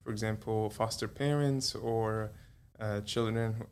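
Flat-voiced Egyptian-born pediatrician. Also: male voice, lowish voice, unhurried, a little hiss or hum. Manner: hesitant, many fillers and restarts. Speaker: pediatrician guest. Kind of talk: conversational interview.

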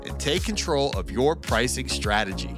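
A man's voice: big pitch swings, normal speed. A man giving a scripted infomercial read with a polished, promotional announcer delivery. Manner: polished, promotional sales pitch. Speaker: advertisement announcer. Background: background music.

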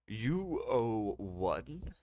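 A man voicing a robed male counselor who talks slowly and sounds bewildered. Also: medium pitch, sing-song, mellow, highs cut off. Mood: puzzled. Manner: slow, drawn-out and puzzled.

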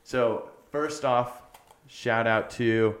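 A man's voice: mid-range voice, drawn-out words. A young man co-hosting a podcast, talking in an earnest, rambling way full of "like" fillers. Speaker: podcast co-host. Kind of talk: casual chat.

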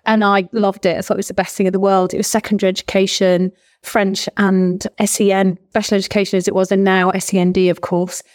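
A fast talker with a medium-pitched, level and slightly mellow voice, she is an English former language teacher in her forties. She appears as an enthusiastic guest in a casual interview, laughing frequently.

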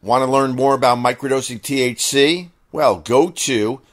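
A man's voice: medium pitch, moderate pace. Man reading a scripted podcast ad. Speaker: ad announcer.

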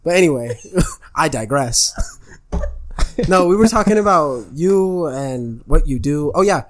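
Joking young man with a higher voice. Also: lively intonation. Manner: laughing, joking, quick to riff. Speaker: podcast co-host. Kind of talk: casual chat.

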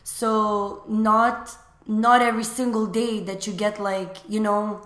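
Speaking slowly in a medium-pitched voice, this young woman from Lithuania is a guest in an interview, chatting about her small business. She's relaxed and talkative and fills her speech with fillers, and the room echoes.

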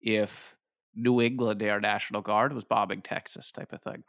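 A middle-aged man hosting a podcast, talking in a measured, reflective way. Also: lowish voice, level tone, vocal fry, a bit bright, dry recording, clean studio sound. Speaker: podcast host. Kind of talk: podcast interview.

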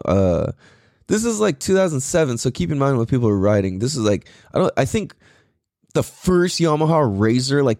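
Dude rambling thru a story, swears a lot, voice jumps all over, dry close sound. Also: male voice, medium pitch, a little mellow, dry recording. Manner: rambling, profane, lots of fillers and restarts. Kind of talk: casual storytelling.

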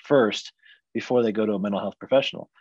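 A man's voice: lowish voice, fast, a little mellow, dry recording, lo-fi sound. A man who works as a counselor, talking frankly and reflectively in a casual podcast chat.

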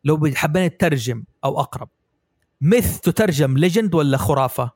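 A man hosting a podcast, explaining ideas in a lively way and asking his guests for their views. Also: a little high, a little fast, slightly rough, dry recording. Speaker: podcast host. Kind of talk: casual podcast discussion.

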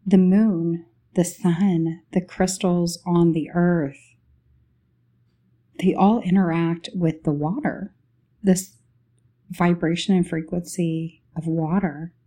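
Speaking in short, unhurried phrases with long pauses, a woman hosts a guided spiritual meditation. Her voice is on the low side, with a steady, dark tone.

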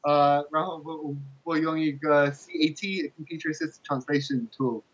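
Foreign man speaking English-accented Mandarin, slightly husky. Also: fairly high pitch, steady tone, lo-fi sound. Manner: halting, searching for words. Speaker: interview guest, game translator. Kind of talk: casual interview chat.

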